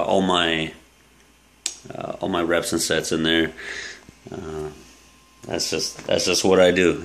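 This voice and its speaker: Slow low-voiced man showing his gym gear. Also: gravelly, a little hiss or hum. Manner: relaxed, rambling, many fillers and restarts. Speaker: fitness coach. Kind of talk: casual gear walkthrough vlog. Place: small room with yellow walls, indoors. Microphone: handheld camera at arm's length.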